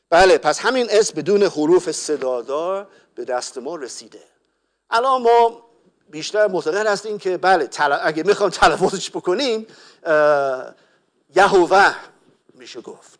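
A man preaching a sermon, earnestly explaining scripture and calling his listeners beloved. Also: high-pitched. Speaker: pastor.

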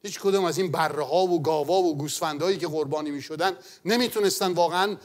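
A man preaching a sermon in an earnest manner, rising to loud exclamations and then falling to near-whispers. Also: on the high side. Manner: earnest, swells loud then drops to a hush.

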